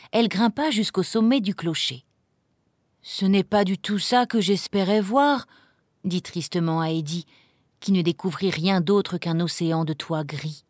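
A woman narrating a children's storybook, reading in an expressive, animated way. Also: mid-range voice, dry recording.

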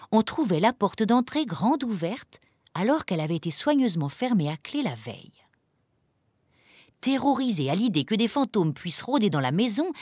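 Expressive woman reading a storybook. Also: medium pitch, dry recording. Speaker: narrator.

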